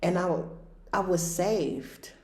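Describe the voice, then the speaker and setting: A woman's voice: on the low side, takes it slowly, a little mellow, echoey room. A woman in her fifties, a recovery life coach hosting a podcast, talking plainly and directly in casual conversation. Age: 50s.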